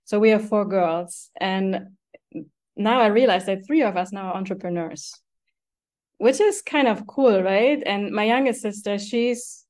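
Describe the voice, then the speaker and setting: A woman in her forties hosts a relaxed podcast chat, speaking English with an accent from abroad. Her voice sits at an ordinary middle pitch. She talks in a chatty, effusive way, often adding "like" and "right?". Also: a little slow. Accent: foreign-accented English. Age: 40s. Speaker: podcast host. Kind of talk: casual podcast interview.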